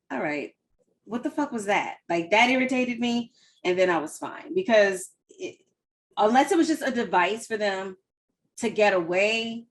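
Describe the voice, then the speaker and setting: A woman co-hosting a podcast, chatting casually about a TV episode with blunt, profane rants and a lot of "like.". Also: mid-range voice. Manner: blunt, profane ranting with frequent "like". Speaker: podcast co-host. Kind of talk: casual chat reviewing a TV episode.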